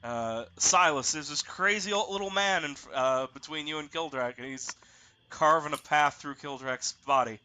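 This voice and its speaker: A man running a tabletop roleplaying game as game master, narrating haltingly and piecing sentences together. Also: fairly high pitch, bright, forceful tone.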